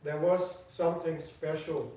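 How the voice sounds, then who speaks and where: Far from the mic in a very echoey temple hall, an older man whose first language is Danish delivers a personal tribute as a devotee's offering speech. His mellow voice, a bit high for a man, shows little pitch movement. He speaks slowly and haltingly, often restarting mid-phrase and repeating words.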